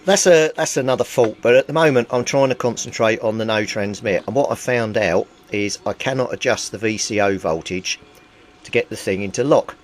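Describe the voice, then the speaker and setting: Working at a compact indoor bench at home, a British amateur repairer explains things briskly and methodically in a fairly low voice. The delivery is informal, and the homemade recording carries obvious noise.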